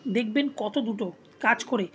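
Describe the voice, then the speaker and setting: Calm woman explaining a symbol. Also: on the high side, a little hiss or hum. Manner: calm, measured explanation addressing the viewer. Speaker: tarot reader and numerologist. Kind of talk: instructional spiritual talk.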